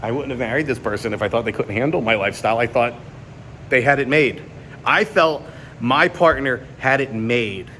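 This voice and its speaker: A man in his forties speaks to his audience in a candid personal vlog monologue, his voice sitting in a middle register. He sounds earnest and confiding, pushing hard on some points and dropping low and quiet on others. A faint air conditioning hum runs underneath. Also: normal speed. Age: 40s. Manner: earnest, confiding, swings from emphatic to subdued. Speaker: YouTuber. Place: indoor gym.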